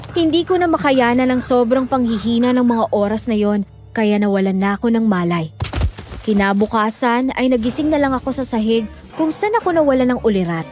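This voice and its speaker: A woman narrating a horror story in a measured, grave manner. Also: fairly high pitch, darkish tone.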